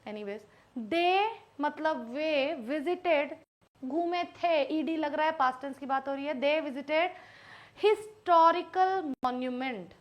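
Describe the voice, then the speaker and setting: A woman teaching English grammar in a live online class, speaking Hindi with English mixed in. She is patient and repeats words slowly so they stick. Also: sits high, highs cut off.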